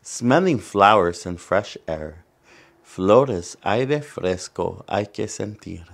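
A man in his forties from San Salvador, El Salvador, with a Salvadoran accent, hosts a storytime indoors in front of a wooden backdrop. He reads a picture book aloud and explains things to children in a low-ish, expressive, gravelly voice at a slow pace.

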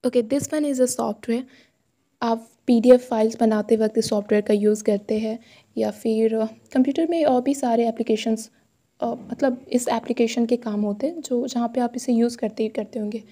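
A woman's voice: on the high side, steady tone, normal speed, mellow. A young woman hosting a casual pronunciation lesson, repeating words and correcting mistakes. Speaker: host teaching brand pronunciations. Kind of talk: casual lesson in mixed Hindi and English.

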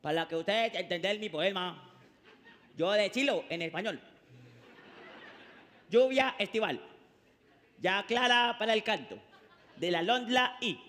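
A man voicing a solemn Japanese poet reading a haiku in a slow, halting, formal way, in a reverberant hall. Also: sits high, bright, forceful tone. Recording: reverberant hall, faint noise.

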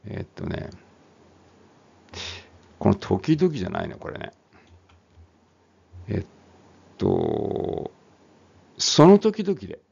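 A man's voice: low voice, sing-song, very slow, vocal fry, long pauses, mellow, husky. A man teaching English phonics, reading a text aloud and then explaining it casually, often correcting himself. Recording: dull lo-fi recording.

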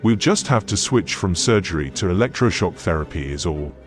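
Man acting a deep-voiced, scornful executive villain. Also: animated, brisk, music in the background. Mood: scheming, contemptuous. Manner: contemptuous, scheming. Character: cruel, scornful toy company CEO villain. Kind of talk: dramatic cartoon villain acting.

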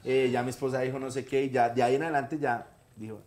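A Colombian man in his thirties tells a personal story as a talk-show guest. He is animated and earnest, and he switches voices to act out the people he quotes. His voice sits at a middling pitch. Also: fast, a crowd in the background. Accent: Colombian Spanish.

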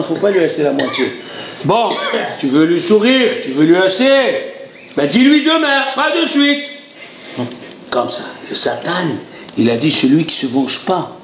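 A man delivers a lively Torah lesson, acting out quarrels and exclaiming as he goes. His voice sits a little high and swings widely in pitch. The recording is roomy and muffled, with a faint background hum. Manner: animated, theatrical, acts out dialogues, exclaims "aïe aïe". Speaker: rabbi teaching a Torah class.

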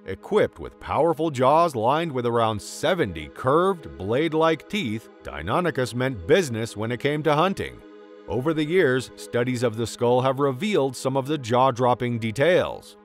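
Nature documentary narrator, male, mid-pitched and lively, dramatic storyteller, light music underneath. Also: moderate pace. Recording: music behind the voice. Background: background music.

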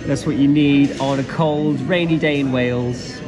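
A man's voice: mid-range voice, fairly even intonation, moderate pace, music in the background. A man narrating his motorbike travel vlog casually to camera, chatty and upbeat, calling viewers guys. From Britain. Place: outdoors and in a cafe, on the road in rainy weather.

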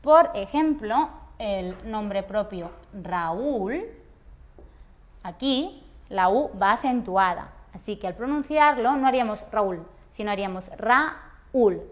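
A woman, teaching a grammar lesson patiently and slowing down to spell out words and syllables. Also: a little high, dull audio.

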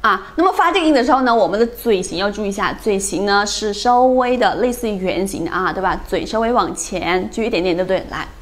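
A woman with a mid-range voice runs slow, careful drills of English phonics sounds, checking in with the class again and again.

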